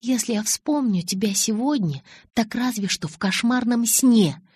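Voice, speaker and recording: A stubborn teenage girl as a woman reader puts her on yells in a high, shrill voice. The tone is slightly husky and breathy. It is recorded close and dry for an audiobook. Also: unhurried, no echo. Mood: furious.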